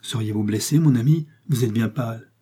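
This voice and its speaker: Man voicing a stern musketeer, commanding, dark, husky, audiobook. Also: mid-range voice, fairly quick. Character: phlegmatic older male musketeer, stern.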